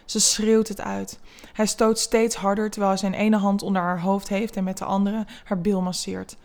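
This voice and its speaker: Calm woman reading a story in a flat voice. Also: medium pitch. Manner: calm, level, unhurried reading. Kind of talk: scripted erotic story narration.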